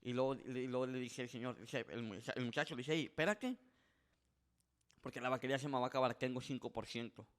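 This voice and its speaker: A man's voice: mid-range voice, fast, few pauses. A man telling a story casually on a podcast, acting out the voices of the people in it and often restarting his sentences. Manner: animated, acts out quoted voices, frequent restarts. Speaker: podcast guest.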